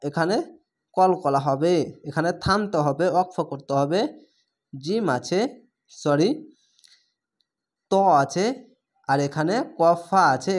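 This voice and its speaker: With patient repetition of his instructions, a man teaches reading by sounding out one syllable after another, drawing out the vowels and breaking words apart. He uses a plain, unhurried teaching voice that's a little high.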